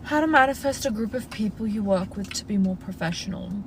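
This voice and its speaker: A young Australian woman whose first language is Russian hosts a livestream from a parked car, answering viewer questions in a casual Q&A with steady car noise behind her. Her mid-range voice moves briskly, and she's chatty and reassuring, dropping "like" often as she gives advice.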